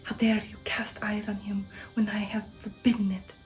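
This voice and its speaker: A woman's voice: medium pitch, level tone, moderate pace, a little mellow, natural voice. A woman voicing an imperious, menacing male vampire count in a storybook reading, hissed and half-whispered. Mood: furious, possessive. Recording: music under the voice.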